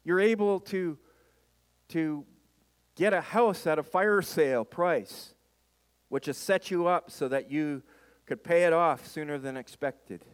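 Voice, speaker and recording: A reverberant hall carries the voice of a male pastor giving a sermon. His voice sits a little high for a man. He speaks emphatically and repeats phrases for dramatic weight. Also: measured pace, clear, resonant tone. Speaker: pastor preaching to a church.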